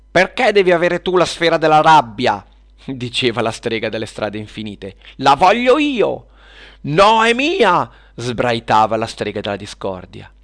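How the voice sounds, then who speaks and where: A man narrating a scripted children's story in a steady, lively way. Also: on the low side, gravelly.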